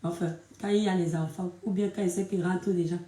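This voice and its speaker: Woman vlogger, chatty and animated, mellow tone, roomy off-mic phone sound. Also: lowish voice, quick pace, distant mic. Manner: chatty and animated, addresses viewers as her stars; speaks softly at times so as not to disturb her husband. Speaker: social media vlogger. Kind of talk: casual live video chat with followers. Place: bedroom at home, indoors. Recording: roomy echo, voice a bit off-mic.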